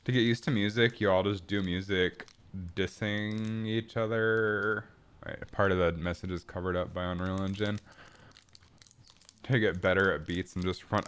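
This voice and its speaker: A man talking casually on a livestream, rambling and hesitant, with plenty of fillers. His voice sits a bit low and sounds smooth and clear. He pauses to chew between thoughts. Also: fairly bright tone. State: eating while talking. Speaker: livestreamer making a game.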